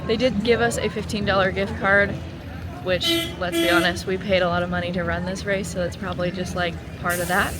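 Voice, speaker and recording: A woman's voice: medium pitch, brisk, over loud music. A woman chatting casually and informally to camera as a vlogger, often saying "like". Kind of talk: casual vlog chat to camera.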